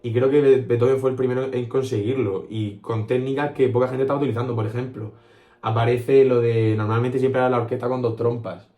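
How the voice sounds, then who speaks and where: A man's voice: mid-range voice, steady tone, a little fast, mellow. Young man chatting in an echoey room. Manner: agreeable, keeps saying "claro" and "efectivamente". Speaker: podcast co-host. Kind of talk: casual chat about music history.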